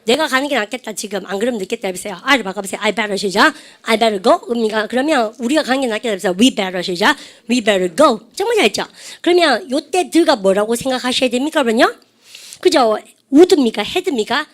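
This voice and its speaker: A middle-aged woman gives an animated English grammar lesson in a slightly high voice. She keeps prompting her class to repeat after her and drops into slow, careful English for the drill phrases. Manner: coaxing, calls students to repeat phrases; switches between dialect-tinged Korean asides and slow English drills. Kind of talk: lively classroom-style lecture.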